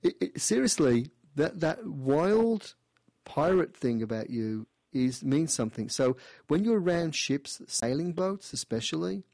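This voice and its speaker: A male radio host with a fairly high voice gives a caller an animated, playful reading. He talks in a lively way and keeps restarting his phrases. The studio sound is dry and close. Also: unhurried, creaky, no echo. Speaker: radio show host doing past-life readings. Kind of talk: call-in radio talk.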